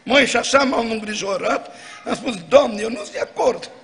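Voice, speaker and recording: A man preaching a church sermon, telling stories and acting out quotes in a lively way. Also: very high-pitched, vocal fry. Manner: preaching with anecdotes and acted quotes. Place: church hall. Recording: long church hall reverb.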